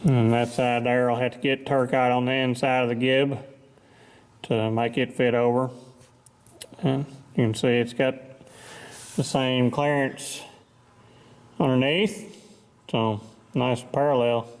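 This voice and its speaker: A man with a mid-pitched voice explains machining work like someone showing a job in his shop. He is plainspoken and matter-of-fact, with a modest, casual way of talking through the details. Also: flat delivery, unhurried, pauses often, low-quality recording.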